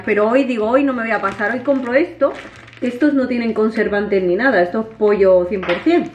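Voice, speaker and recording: A woman's voice: a little high, highs cut off. A woman, chatting casually to viewers in her home kitchen as a vlogger. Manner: chatty, animated, addresses viewers directly. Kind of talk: casual home vlog chat.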